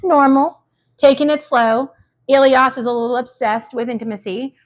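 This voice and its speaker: A high-voiced woman chats casually as she recaps a reality show. She talks animatedly and slips into quick impressions of the people she describes. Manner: animated, mimics people in quotes, frequent "like". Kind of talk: casual chat.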